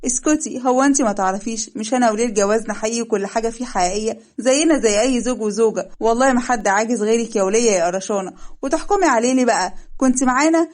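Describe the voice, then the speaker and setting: A bold young bride who is quick to talk back and warmly devoted to her husband. A woman reading an Egyptian storybook voices her in a sassy Egyptian manner, at a very fast clip. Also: a little high, close to an everyday voice. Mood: defiant.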